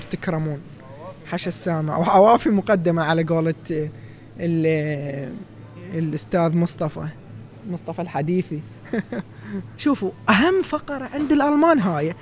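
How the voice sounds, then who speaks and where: A young Iraqi man in his twenties talks quickly through a casual vlog walk-through, his voice sitting high. His tour-guide chatter is lively and conversational. He speaks inside a large supermarket into a handheld phone. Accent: Iraqi Arabic. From Iraq. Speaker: vlogger.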